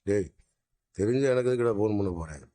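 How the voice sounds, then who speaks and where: A middle-aged father, played by an actor, calms his worried family with firm reassurance. His speech rises and falls with lively intonation. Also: lowish voice, fast, close to an everyday voice. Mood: reassuring.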